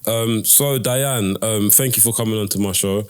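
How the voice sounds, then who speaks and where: A man with a very low voice hosts a relaxed interview podcast. He talks in a loose, chatty way, full of fillers and easy laughter. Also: normal speed, clean tone. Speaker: podcast host. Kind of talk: casual interview chat.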